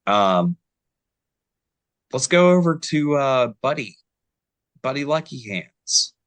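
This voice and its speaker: A man's voice: mid-range voice, lively intonation, slow, fairly bright tone, dry recording. A man running a tabletop game as game master, asking the players playful questions.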